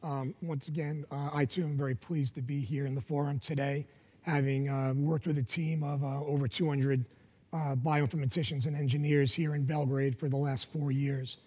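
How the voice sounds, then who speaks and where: 50s guy on a panel, lots of ums, slightly high voice, mellow, long hall echo. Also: level tone, slightly rough. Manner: halting, many fillers. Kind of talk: conference panel talk. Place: large conference hall stage.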